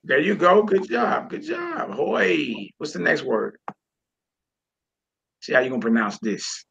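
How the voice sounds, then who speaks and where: A man leads a Hebrew reading lesson at an unhurried pace, repeating words and praising his student. His voice is bright but husky. The sound is dull and lo-fi. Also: a little high, sing-song. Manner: encouraging, repeats phrases. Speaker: teacher.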